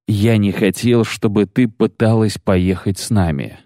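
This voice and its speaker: A man's voice: fairly low pitch, measured pace, warm tone, no room sound, studio quality, lightly acted. A man voicing a terse, weary witcher. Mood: strained. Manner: curt, reluctant, few words. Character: terse weary male witcher, guarded and quiet. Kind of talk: audiobook character voice.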